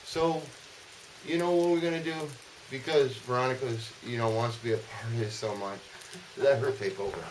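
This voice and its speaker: A man's voice: medium pitch, normal speed. A man chatting casually for a vlog as host, joking and swearing coarsely, recorded outdoors in the rain. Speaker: vlogger, host. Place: outdoors in the rain, sheltered dry spot. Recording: hissy, steady rain noise outdoors. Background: rain falling.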